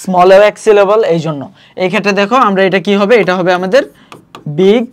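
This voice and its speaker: A high-pitched man with a steady tone and a Bangladeshi Bengali accent works as a tutor preparing students for admission exams through online grammar lessons. He explains patiently, often repeats the check "ঠিক আছে?", and spells out words syllable by syllable at a slow pace.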